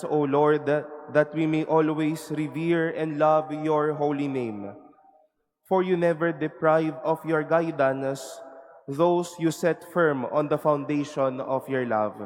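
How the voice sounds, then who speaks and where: A man with a Filipino accent leading Mass as a priest, reciting prayers in a measured, solemn way, his voice carrying the echo of a cathedral. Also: on the high side, fairly even intonation. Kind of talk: liturgical prayer. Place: large cathedral. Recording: long reverb in a cathedral, faint noise.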